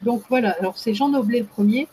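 Mellow-voiced woman explaining with many hesitations. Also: a little high, fast talker, a little hiss or hum, poor audio. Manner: hesitant, many fillers and restarts. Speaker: guest expert. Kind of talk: casual explanatory talk.

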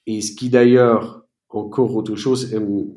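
A man from East Germany, a native German speaker, answering interview questions in a halting way with many fillers and restarts. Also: fairly low pitch, fairly even intonation, dark tone, reverberant. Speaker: entrepreneur guest.

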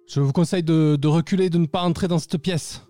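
Male game master as a scared old mouse mage, distant and quavering, high and crisp, bluffing threats. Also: fairly even intonation, a little fast, mellow, no room sound, faint music behind. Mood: fearful, threatening. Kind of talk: tabletop game narration.

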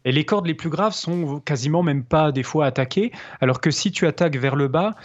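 A man, a guitarist co-host explaining technique in casual chat, pausing to find his words. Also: fairly high pitch. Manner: explanatory, pauses to search for words. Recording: slightly dull lo-fi sound.

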